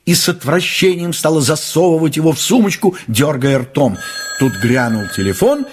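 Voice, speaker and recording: A man narrating an audiobook in an expressive, ironic storytelling manner. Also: on the high side, moderate pace, slightly rough.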